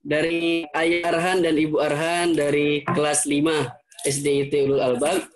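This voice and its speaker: A man moderating an online question session over a video call. He reads the questions out slowly, stumbling and restarting with small fillers. His voice sits a little higher than most men's. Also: little pitch movement, low-quality recording. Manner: slow and hesitant, with fillers while reading out questions.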